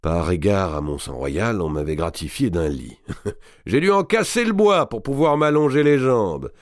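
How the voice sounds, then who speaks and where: Guy voicing a big loud noble, booming and sarcastic, swings his voice all over, audiobook. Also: animated, normal speed, dry recording, studio quality, close to an everyday voice. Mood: grim. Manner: booming, bellowing, sarcastic laughs. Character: huge boisterous nobleman, loud and mocking.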